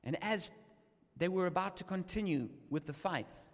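A man's voice: high voice, expressive, normal speed. A man preaching a sermon in English with a live interpreter, telling a story dramatically. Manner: dramatic storytelling, rising and falling with the tale. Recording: reverberant hall sound.

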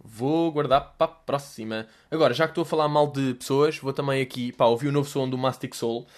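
A man's voice: mid-range voice, flat delivery, fast. A young man with a Portuguese accent giving sarcastic commentary, mocking and profane, with laughing asides. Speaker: vlogger.

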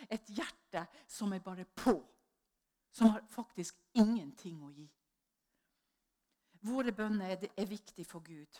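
Woman preaching and telling a lively story. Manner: lively storytelling, acts out quoted voices with jumps in pitch and loudness. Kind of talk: sermon with personal story.

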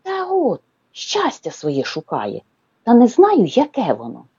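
A woman's voice: on the high side, wildly swooping pitch, a little slow, warm tone, husky, no echo, highs cut off, pitched above the performer's own voice, full character voice. A woman voicing a timid little boy bunny in a children's story, eager and wistful.

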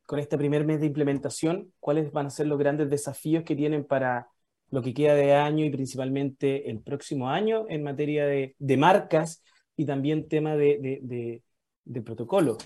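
A man interviews a guest, asking long questions that build on each other. His voice sits on the higher side for a man. It has a mellow, soft tone. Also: steady tone, normal speed.

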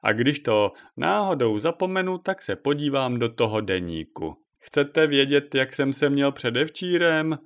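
Older retired man in a storybook, fussy and easily offended, rambling on with a lively, swooping voice, as a narrator puts him on. He talks in an indignant, chatty way. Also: mid-range voice, few pauses, pitched above the performer's own voice. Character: fussy retired old man, touchy and talkative.

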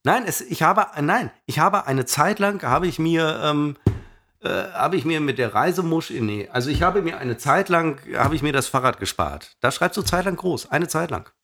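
A man co-hosting a casual chat, excitable and rambling, often losing his thread. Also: a little high, moderate pace. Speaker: podcast co-host.

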